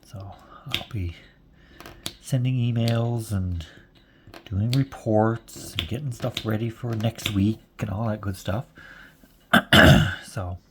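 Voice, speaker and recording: On the low side and slow, with long pauses, this man's voice comes through a noisy background. He's a knitting vlogger in his forties, casually chatting as he knits, rambling and frequently chuckling.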